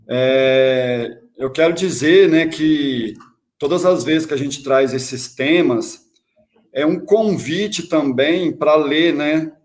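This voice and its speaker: A man hosting an online spiritist talk, reflective, often ending thoughts with a questioning "né". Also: fairly high pitch. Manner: reflective, many tag questions. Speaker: host.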